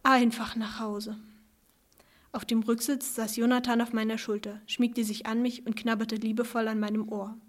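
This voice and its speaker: Woman storyteller, calm, measured storybook reading, fairly high voice.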